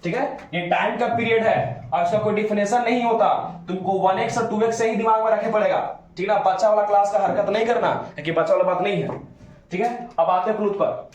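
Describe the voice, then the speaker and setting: His voice is high and steady in tone, and he speaks fairly quickly. He's teaching grammar, stretching vowels out as examples and prompting the students with questions, all in a very echoey room.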